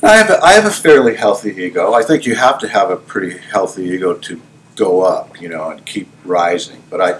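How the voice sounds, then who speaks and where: A middle-aged man who owns a salon, telling stories from his career in an animated way, laughing often and asking whether the listener follows. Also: deep voice, fairly quick, slight background noise. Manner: animated, laughing, often asks "you know what I'm saying". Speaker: salon owner and hairdresser. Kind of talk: storytelling in a casual interview.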